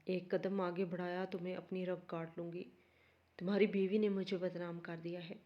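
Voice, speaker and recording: A woman voicing a spiteful, threatening sister-in-law with a harsh, shouting manner. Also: fairly low pitch, level tone, dull audio, natural voice. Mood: furious.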